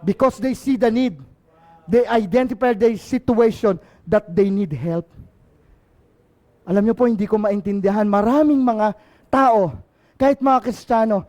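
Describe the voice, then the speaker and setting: A man's voice: very high voice, a little slow, darkish tone. A male pastor from the Philippines with a Filipino accent, preaching an impassioned sermon and often asking the congregation for an amen.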